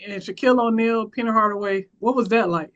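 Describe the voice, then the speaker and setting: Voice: mid-range voice, fairly quick, a bit bright, lo-fi sound. A podcast host asking a guest questions with eager, complimentary reactions. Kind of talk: casual interview questions.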